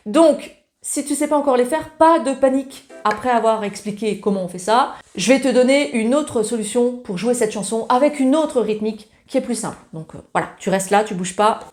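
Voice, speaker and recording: A woman giving a casual ukulele lesson, talking in a chatty, familiar way while strumming along. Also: fairly high pitch. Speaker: ukulele teacher. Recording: loud ukulele playing along.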